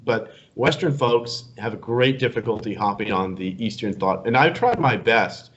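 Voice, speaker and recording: A man's voice: fairly low pitch, moderate pace, highs cut off, a little hiss or hum. A man hosting a casual interview, genial and often repeating words as he finds his phrasing. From Middle East. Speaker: podcast host.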